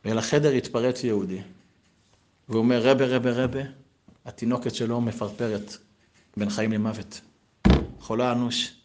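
A man telling a folk tale in a lively, animated way, with chatty asides to his listeners. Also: mid-range voice, pauses often, a little hiss or hum. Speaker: storyteller. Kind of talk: lively oral storytelling.

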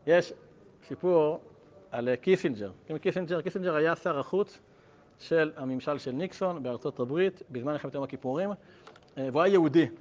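A man with a fairly high voice gives a religious lecture in a chatty, storytelling way. He keeps checking in with his listeners by asking them questions. The recording sounds dull and lo-fi. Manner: conversational, asks the class questions and tells anecdotes. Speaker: Torah teacher.

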